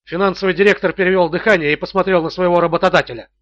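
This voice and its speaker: A man narrating an audiobook thriller in a steady, measured reading. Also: high-pitched, no room sound. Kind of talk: scripted narration. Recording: dull, dry audio.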